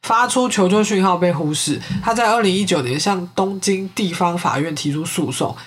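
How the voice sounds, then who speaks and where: A man with a high voice walks through a criminal case on his podcast. His tone is husky and slightly breathy. He talks casually and leans on fillers as he sums up each turn of the story. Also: normal speed, fairly bright tone. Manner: recounts a case, with filler-heavy chat. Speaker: podcast host. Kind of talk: casual true-crime storytelling.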